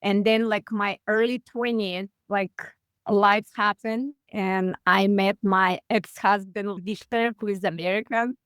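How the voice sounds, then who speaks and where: Russian-accented woman, 40s, guest over video call; halting, filler-heavy, clear, dry. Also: medium pitch, fairly even intonation, fairly bright tone, dry recording. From Russia (far east). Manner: halting, many "like" fillers, simplified grammar.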